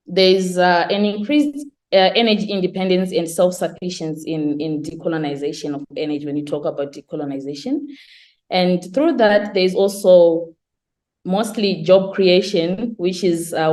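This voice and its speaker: A woman's voice: lowish voice, darkish tone. A young woman from Zimbabwe giving a conference talk on her master's research, explaining step by step with some fillers and restarts. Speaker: presenter of her master's thesis. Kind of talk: conference presentation.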